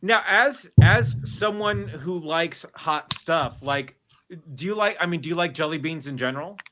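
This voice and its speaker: A man hosting a casual talk show, friendly and quick to laugh as he asks the guest questions. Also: on the high side, noisy background. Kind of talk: casual chat.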